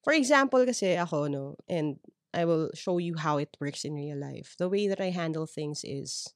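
A woman's voice: sits low, moderate pace, darkish tone, dry recording, clean studio sound. A woman with a Filipino accent hosting a podcast, explaining ideas in a conversational advice monologue and often checking that listeners follow. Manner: explanatory, frequent self-checking tags. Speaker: podcast host. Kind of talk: conversational advice monologue mixing two languages.

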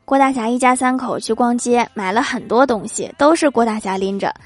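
A woman with a somewhat high voice hosts a comedy show, reading short jokes and acting out the quotes. She chuckles at her own punchlines. Light music plays quietly behind her. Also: brisk. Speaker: host.

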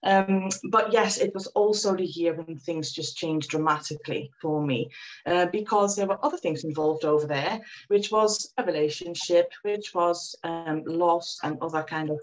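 Her voice sits on the low side and moves at a normal speed, captured in a rough recording. A Dutch woman in her forties from the Netherlands, she appears as an interview guest and tells her story thoughtfully, often restarting and saying um.

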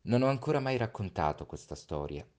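A man reading a story aloud, slow and reflective with hushed pauses. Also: fairly low pitch, sing-song. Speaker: storybook reader. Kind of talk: read-aloud story narration.

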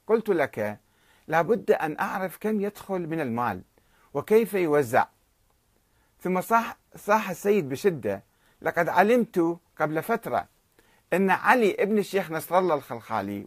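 A man's voice: on the high side, no room sound. A man narrating a historical account, reading quoted exchanges with rising emphasis.

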